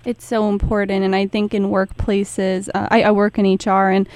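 A woman's voice: medium pitch, level tone, moderate pace, darkish tone, no room sound. A young adult woman co-hosting a radio interview in a conversational style. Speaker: radio co-host working in human resources. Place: radio studio.

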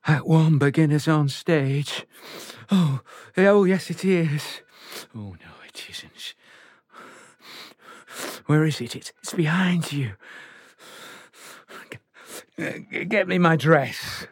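A man's voice: on the high side, takes it slowly, pauses often, slightly rough. An actor playing a muddled old male pantomime dame who slips into panto crowd callback and stage patter in a radio drama. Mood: rousing, theatrical. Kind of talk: theatrical drama acting.

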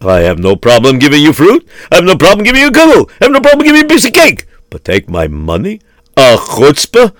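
Excitable miser, played by a man, lively pitch, fussy then explosive. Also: normal speed, no room sound, studio quality. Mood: indignant.

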